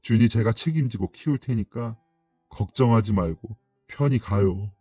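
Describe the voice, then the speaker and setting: A man's voice: lowish voice, normal speed, warm tone, husky, no echo, clean studio sound, soft background music. A man playing a scruffy bearded uncle who speaks firmly and earnestly in a radio story.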